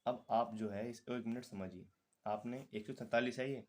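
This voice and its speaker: Male math tutor, Hindi accent, mid-pitched, patient step-by-step explainer narrating his working. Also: steady tone, normal speed. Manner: patient, talks through calculations aloud. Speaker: math teacher.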